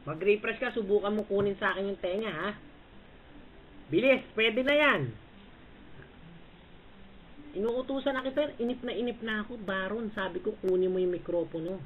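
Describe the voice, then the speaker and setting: This man has a high voice and talks quickly with few pauses as he trash-talks opponents in an online voice chat. He ridicules them, keeps snapping short commands and "ha?", and the line sounds tinny with a faint hiss.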